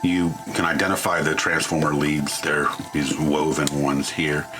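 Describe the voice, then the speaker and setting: In a bass voice with a flat, unhurried delivery, a man narrates a hands-on electronics teardown over background music. The channel host keeps it casual and tutorial-like, with a wry, self-deprecating, mildly crude tone.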